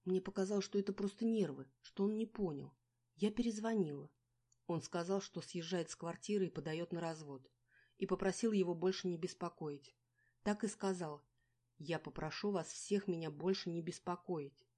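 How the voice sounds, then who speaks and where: A woman reading a storybook aloud, voicing a blunt, protective young woman friend who scolds loudly. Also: on the low side, normal speed, natural voice. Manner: loud and scolding.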